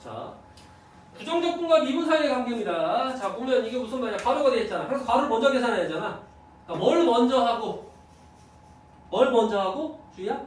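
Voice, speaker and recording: A man's voice: very high voice, a little fast, heavy reverb, distant mic, slight background noise, low-quality recording. A man teaching math to a class, often stopping to ask whether the students follow. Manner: lively, checks understanding with students. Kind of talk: classroom lecture.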